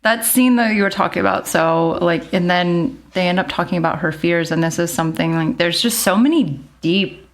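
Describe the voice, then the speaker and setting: A woman's voice: on the low side, normal speed. A woman guest on a podcast, talking in a rambling casual way with lots of "like". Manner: rambling, heavy use of "like", laughs often. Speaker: nurse practitioner and midwife guest.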